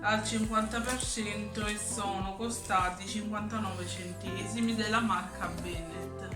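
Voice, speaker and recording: Still getting over the flu, a woman casually presents her grocery haul item by item in a mid-range voice, steady and measured. The recording is roomy and echoey from a distant mic, with music in the background.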